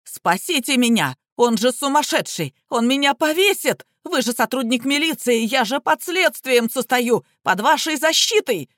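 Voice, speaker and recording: A woman's voice: high-pitched, animated, normal speed, hardly any pauses, fairly bright tone, no room sound, studio quality, pitched above the performer's own voice. A woman voicing a panicked, whiny middle-aged man who shrieks and begs hysterically as a suspect.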